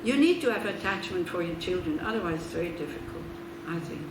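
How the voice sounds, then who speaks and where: Lowish, animated and fast, the voice of this Swiss Buddhist nun carries an informal teaching talk. She chats, laughs in asides and asks rhetorical questions. Background noise accompanies a roomy, distant-mic recording.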